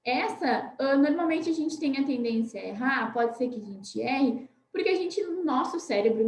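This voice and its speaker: Brazilian lady teacher, high voice, slow and patient with little kids, lots of "né?", echoey room. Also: a little mellow, slight background noise. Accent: Brazilian Portuguese. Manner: patient, spells words out slowly, often asks "né?". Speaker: primary school teacher. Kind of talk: recorded online class for children.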